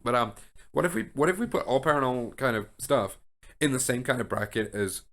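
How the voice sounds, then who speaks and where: A man's voice: medium pitch, lively intonation, brisk, fairly bright tone. A man hosting a casual podcast, musing aloud in a rambling, speculative way with frequent restarts and fillers. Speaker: podcast host. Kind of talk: casual chat.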